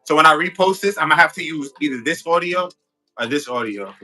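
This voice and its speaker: A man's voice: fairly high pitch, expressive, pushed and bright, soft background music. A man hosting a casual live chat, freestyle rapping off words his guest calls out. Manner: fast freestyle rapping over a beat. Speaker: host. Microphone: phone.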